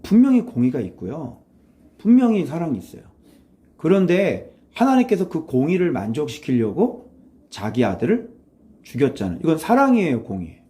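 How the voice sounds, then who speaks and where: A male pastor gives a morning sermon, his voice dark and mellow. His pitch swings widely as he poses rhetorical questions and briefly acts out the voices he quotes. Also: moderate pace. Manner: animated, conversational preaching with rhetorical questions; acts out quoted voices, switches to blunt informal speech.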